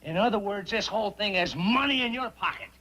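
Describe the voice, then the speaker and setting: A man's voice: high-pitched, brisk, sharp tone. An actor playing a fed-up young man who answers with dry, sardonic wisecracks.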